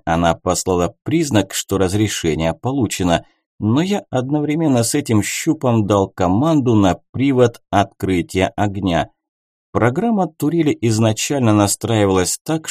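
A man reading an audiobook as its narrator, telling the story in a measured, expressive way. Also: fairly low pitch, dry recording, clean studio sound. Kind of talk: scripted narration.

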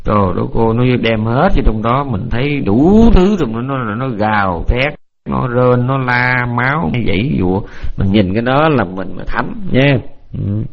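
A man giving a Buddhist dharma talk to an online group, rambling and repeating words as he searches, then slowly dictating points for notes. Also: medium pitch, animated, creaky, dull audio. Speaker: Buddhist teacher.

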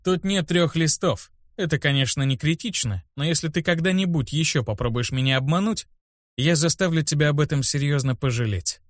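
A man doing a gruff, irritable older man. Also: fairly high pitch, animated, moderate pace, a bit bright, dry recording, clean studio sound, pitched above the performer's own voice. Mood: brusque.

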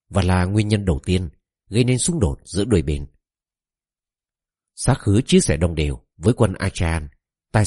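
A proud warrior prince arguing with himself before battle, read by a man. The voice is low and dark with a husky texture. The recording is dry and close. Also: no echo, full character voice. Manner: brooding inner monologue. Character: proud doubting warrior prince weighing his fate.

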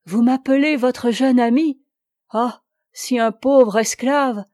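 A woman's voice: fairly high pitch, slow pace, darkish tone, no room sound, clean studio sound. A woman voicing an ardent young male captive who pleads with passion in a storybook reading. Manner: impassioned, declaiming.

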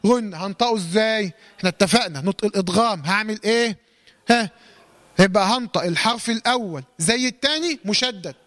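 A man with an Egyptian Arabic accent teaching a Quran recitation lesson in colloquial speech. He keeps asking questions and answering them himself, and he recites the examples slowly. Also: high voice, fairly bright tone, no room sound.

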